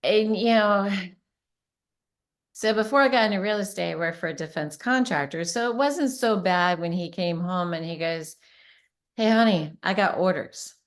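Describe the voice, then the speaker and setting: A woman's voice: on the low side, moderate pace. Middle-aged woman hosting a chat, upbeat, laughs a lot, acts out quotes. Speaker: host, real estate agent. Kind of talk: casual chat.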